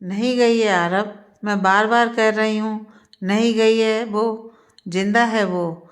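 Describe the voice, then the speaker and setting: A stern middle-aged mother who presses the same point again and again in a storybook tale, as a woman narrator voices her. The delivery is flat and level, middle in pitch, insistent and reproachful. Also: slow, close to an everyday voice. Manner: insistent, repeating claims.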